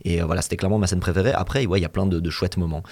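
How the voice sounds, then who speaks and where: A man with a low voice chats casually about films. He is opinionated and hesitant, full of pauses and restarts. He talks the way a podcast co-host does. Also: steady tone, darkish tone. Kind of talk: casual film review chat.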